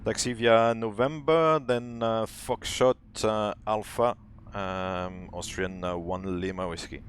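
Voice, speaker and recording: A man flying as a pilot, calling air traffic control and running cockpit checklists over a headset, with halting calls full of fillers. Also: fairly low pitch, fairly even intonation. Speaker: flight simulator pilot.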